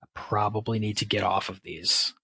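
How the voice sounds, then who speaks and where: A man's voice: fairly low pitch, fairly even intonation, normal speed, sharp tone, husky, dry recording, low-quality recording. A man speaking candidly and casually about his own experience, with wry, self-deprecating sarcastic asides. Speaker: podcast guest. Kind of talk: candid personal storytelling.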